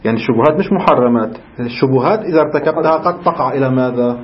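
A man's voice: mid-range voice, very fast, dull audio. A man teaching a religious seminary class, who keeps asking rhetorical questions and answering them himself. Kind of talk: seminary lecture in colloquial Levantine Arabic.

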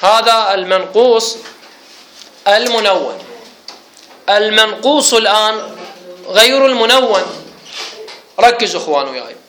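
Bright high-voiced teacher, echoey room. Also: male voice, animated, unhurried, pauses often, faint music behind. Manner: explanatory, quizzes his students. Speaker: teacher of Arabic grammar. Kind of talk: classroom lecture. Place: classroom with students.

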